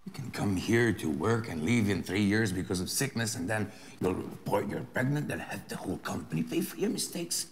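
An actor playing a contemptuous male boss who berates a job applicant, hissing some lines in a whisper and shouting others. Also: lowish voice, lively intonation, a little fast, hardly any pauses, close to an everyday voice. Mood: sneering. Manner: sneering, berating, swings from hissed whispers to shouts. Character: contemptuous misogynist male boss, middle-aged. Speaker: boss interviewing a secretary.

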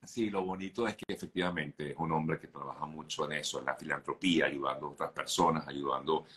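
A man hosting as a journalist, interviewing a guest, with brief supportive interjections and warm follow-up comments. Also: extremely low pitch, fast talker. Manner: short supportive interjections, then lively comments. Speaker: journalist host.

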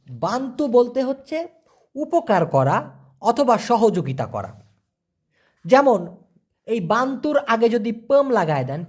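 A man teaching a vocabulary lesson, spelling words letter by letter and repeating them slowly. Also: high voice, darkish tone, husky. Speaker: language teacher.

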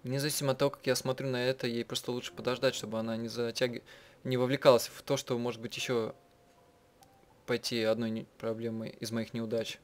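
Here a man reads out his own translation of a visual novel, his medium-pitched voice showing little pitch movement as he stumbles and rephrases while remarking casually. Soundtrack music from the game sits under his voice.

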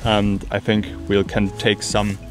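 A man's voice: lowish voice, monotone, unhurried, over loud music. A man in his thirties, a time-lapse photographer, talking on location outdoors with frequent ums and restarts, the camera at arm's length. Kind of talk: travel vlog narration and on-location talk. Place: outdoors on rocky hillside.

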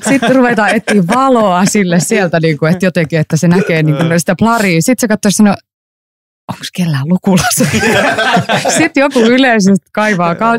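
A woman actor as a podcast guest, telling lively anecdotes with frequent laughter and many fillers, recorded in a library room. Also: medium pitch, dry recording, studio quality. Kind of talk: casual interview storytelling.

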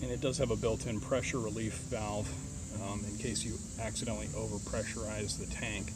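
Low-voiced man, halting outdoor gear walkthrough. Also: level tone. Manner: hesitant, many ums and uhs. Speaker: truck camping vlogger. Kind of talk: casual product walkthrough. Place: outdoors by a truck in woods. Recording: outdoor recording with insect noise.

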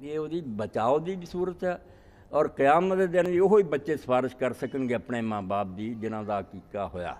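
A man's voice: mid-range voice, darkish tone. A man giving a religious lecture as a cleric, answering questions with emphatic, scolding rhetorical questions. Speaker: Islamic cleric. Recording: long hall reverb.

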